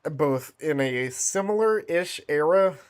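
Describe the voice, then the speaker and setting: A man's voice: fairly high pitch, animated, takes it slowly. A man casually chatting on a game livestream, thinking aloud and laughing often. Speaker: game streamer.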